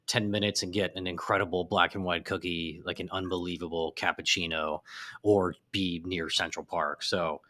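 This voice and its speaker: Low, bright-voiced man, enthusiastic guest. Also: normal speed. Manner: lively and enthusiastic, with animated acted-out asides. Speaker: podcast guest. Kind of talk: casual conversation.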